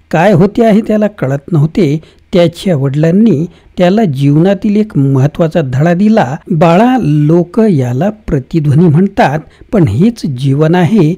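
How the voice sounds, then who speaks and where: A narrator reading a self-help book summary in a steady, even scripted narration with no fillers. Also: mid-range voice.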